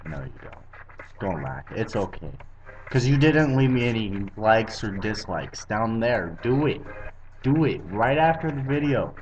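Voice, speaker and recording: A man's voice: mid-range voice, animated, unhurried, slight background noise. A young man from Arizona vlogging, bluntly lecturing viewers with plenty of swearing. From Arizona, USA. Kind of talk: opinionated political rant. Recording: dull lo-fi webcam audio.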